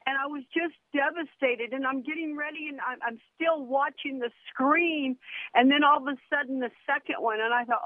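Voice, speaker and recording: An older woman calls in to a talk radio show over a thin, tinny phone line. Her voice sits high, and she talks earnestly, with devout conviction. The line is dry and close, with no room around it. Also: no echo. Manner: earnest and devout, talking in a rush of feeling. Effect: calling in over a phone line. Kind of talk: casual chat.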